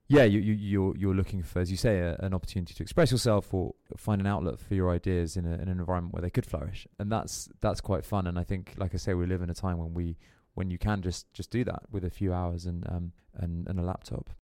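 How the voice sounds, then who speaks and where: A man's voice: low voice, steady tone, fast, hardly any pauses, mellow, dry recording, studio quality. A young man talking casually as a podcast guest, rambling with lots of fillers and restarts. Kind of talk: casual interview chat.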